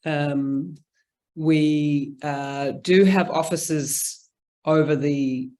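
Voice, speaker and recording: A conference speaker talks through a presentation over a video call. The delivery is informal and conversational, full of ums and small restarts, at an ordinary middle pitch. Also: steady tone, extremely slow, dark tone. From New Zealand. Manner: chatty, informal, frequent ums. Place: indoor room, remote.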